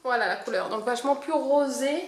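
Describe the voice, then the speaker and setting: This beauty vlogger has a high, expressive, brisk voice, recorded in an echoey room. She talks casually through a makeup review, hesitant and self-deprecating, often groping for the right word.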